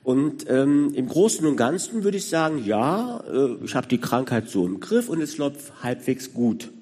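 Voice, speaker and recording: A man's voice: mid-range voice, very animated, normal speed, mellow, long reverb tail. A man in his sixties giving a sermon in a conversational way, speaking directly to the congregation. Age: 60s. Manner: conversational, addresses listeners directly. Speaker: preacher.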